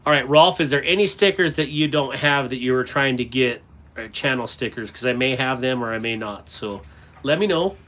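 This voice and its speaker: A man's voice: medium pitch, moderate pace, a bit bright. Rambling man chatting on a livestream. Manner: rambling, talks to chat while sorting items. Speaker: livestream host. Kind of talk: casual live-stream chat. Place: indoors at a cluttered workspace.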